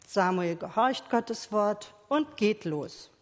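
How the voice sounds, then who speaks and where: A woman preaching a gentle sermon to a congregation with children, asking many quiet questions. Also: medium pitch, lively intonation, takes it slowly. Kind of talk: slow sermon for church and children. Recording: long reverb of a church hall.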